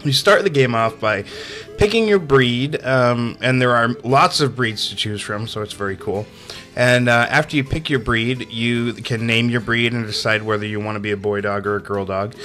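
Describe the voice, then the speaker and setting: A man's voice: mid-range voice, moderate pace, sharp tone, faint music behind. A man giving a casual, sarcastic video game review voice-over, chatty and amused, often breaking into laughter. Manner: sarcastic, chatty with many fillers.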